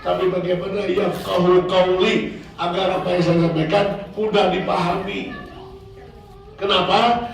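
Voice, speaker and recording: Man, Betawi accent, hoarse, joking preacher, casual sermon, high voice, heavy hall echo. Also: steady tone, a little slow, slight background noise. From Jakarta, Indonesia. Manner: joking storyteller, playful asides. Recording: very echoey hall, voice far from mic.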